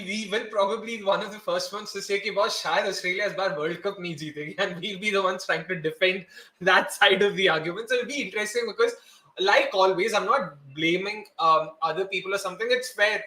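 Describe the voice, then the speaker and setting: An energetic man with an Indian accent hosts a casual sports show. His voice is high and very quick, switching languages mid-sentence. The room is echoey. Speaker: host of a cricket preview show. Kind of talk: casual sports chat, mixing Hindi and English. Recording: roomy echo, faint background noise.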